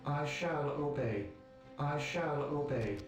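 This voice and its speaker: A man voicing an obedient male cyborg servitor builder in a video game, his flat, dutiful replies run through an echoing machine filter. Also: fairly high pitch, slow. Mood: mechanical obedient. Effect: robotic echoing machine filter. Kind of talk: video game unit responses. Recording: heavy echo over game music.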